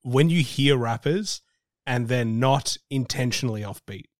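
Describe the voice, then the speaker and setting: Male podcast host, mid pitch, easygoing and blunt, dry studio sound. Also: a little slow, dry recording. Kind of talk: casual podcast interview.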